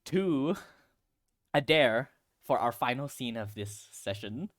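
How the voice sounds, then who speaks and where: A man's voice: medium pitch, expressive, takes it slowly, no echo, clean studio sound. A man acting as game master, narrating a tabletop role-playing game in descriptive second-person storytelling.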